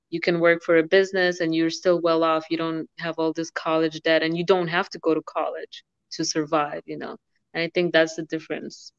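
Speaking from indoors at home, a young business owner from Sudan laughs easily while being interviewed casually over video call. Her low-pitched voice is clear and resonant with no echo, carried on dull, lo-fi call audio.

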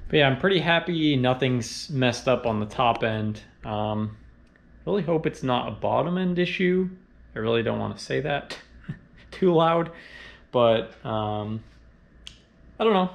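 Working on a car engine in his home garage, this car channel host in his thirties chats to the camera, musing aloud with fillers and doubts that trail off. He speaks unhurriedly in an expressive mid-range voice with vocal fry, recorded by a body-worn action camera and a tripod-mounted one.

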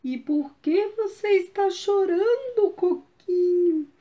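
A woman voicing a kind, wise fox who asks gentle, coaxing questions, in a dull lo-fi recording. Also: very high-pitched, animated, takes it slowly, pitched above the performer's own voice, heavily acted.

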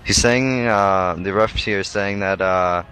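A man co-commentating a video game match in a laid-back, halting way. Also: low voice, pushed and bright, slight background noise, poor audio. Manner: laid-back, hesitant with many fillers. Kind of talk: casual esports commentary.

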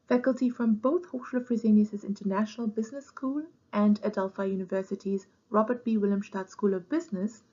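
A woman reads a prepared conference presentation in a measured, formal manner. Her voice sits at an ordinary middle pitch. The recording is slightly dull and lo-fi. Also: a little mellow. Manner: measured, formal read-aloud delivery. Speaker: program director presenting a conference poster. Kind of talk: scripted presentation.

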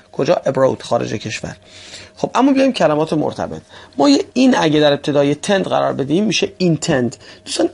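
A man teaching English vocabulary for an exam, often calling listeners friends and slowly repeating example phrases. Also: a little high, creaky, darkish tone, slightly rough. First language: Persian. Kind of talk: vocabulary lesson for exam prep.

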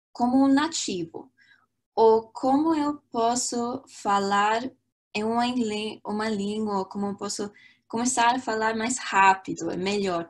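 An upbeat young Latvian woman with a voice on the high side teaches a live online language lesson over a webcam video call. She's lively and chatty, full of fillers and restarts, speaking from a small indoor room.

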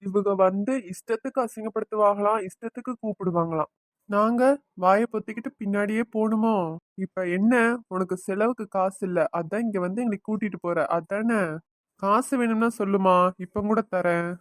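A woman's voice: mid-range voice, steady tone, moderate pace, no room sound, lightly acted. Woman voicing a blunt, sarcastic young son-in-law. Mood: scornful. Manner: sarcastic, reproachful. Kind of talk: family cartoon voice acting.

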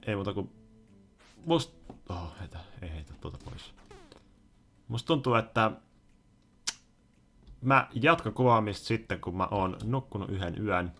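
Gravelly low-voiced young man gaming. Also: long pauses. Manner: excitable, talks to himself, swings from mutters to loud outbursts. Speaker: gaming YouTuber. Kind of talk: let's play commentary.

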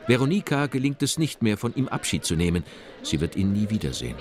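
A man reading scripted documentary narration in a measured, expressive way. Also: fairly low pitch, a faint crowd. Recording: narration over loud music.

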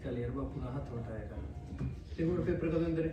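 A man playing a concerned relative in a family short film, giving gentle advice. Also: medium pitch, quick pace, lightly acted. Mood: advising. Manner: gentle, advising tone. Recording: roomy, distant recording with clear music behind.

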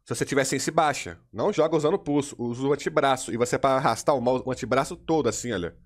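A man's voice: medium pitch, rapid-fire. A man with a Brazilian Portuguese accent coaching a video game while playing, slangy and casual, drilling the same steps over and over. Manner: slangy and casual, demonstrating while talking, keeps saying "look" and "you know"; direct, repetitive drilling of steps. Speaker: competitive gaming coach. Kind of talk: live gameplay tutorial. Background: faint in-game gunfire and mouse clicks.

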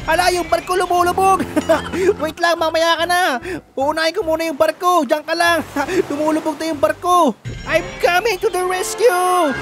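A woman with a Filipino accent hosting her gaming channel, giving playful, giggly commentary on her game and often addressing viewers as "guys". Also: high voice. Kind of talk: Roblox gameplay commentary. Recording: music playing under the voice.

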